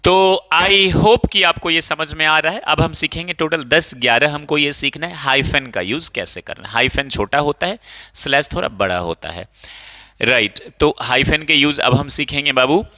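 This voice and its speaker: A young man teaching English grammar to a class, explaining step by step, reading example sentences slowly and checking often that students follow. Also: a little high, bright, forceful tone. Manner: checks understanding often, calls students 'babu'.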